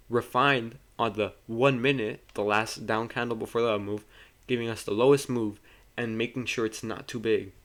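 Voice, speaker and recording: A man's voice: mid-range voice, a bit bright. Man as casual trading tutor, loose and chatty, stumbles and self-corrects, talks straight to viewers. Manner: loose, chatty, often restarts and corrects himself mid-sentence; addresses viewers informally. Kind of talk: casual screen-share trading lesson.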